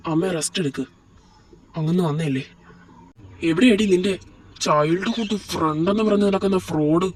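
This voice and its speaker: A jealous young husband snaps out accusations in a mid-pitched, contemptuous voice, played by a performer. The mic sits some way off, so he sounds distant in the home-made doll drama. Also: normal speed, a little hiss or hum, lightly acted. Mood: accusing. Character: angry suspicious young husband. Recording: voice set back from the mic.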